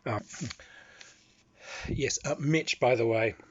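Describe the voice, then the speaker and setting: A man with an Australian accent telling casual convention anecdotes in an animated, loose storytelling manner. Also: mid-range voice, slow, lo-fi sound.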